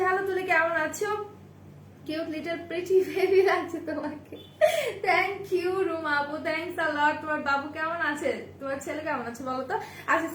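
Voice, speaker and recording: Woman, live-sale host, chatty, greets viewers by name; fairly high voice, faint room hum. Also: pushed and bright. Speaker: live-stream seller and host. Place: indoor shop with bags on display behind her. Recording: echoey room with faint ambience.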